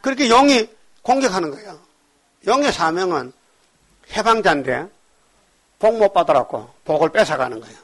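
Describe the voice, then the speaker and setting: A male pastor preaching a sermon, emphatic, firing rhetorical questions at the congregation and swinging between loud exhortation and quiet asides. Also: sits high, very animated, moderate pace, pauses often.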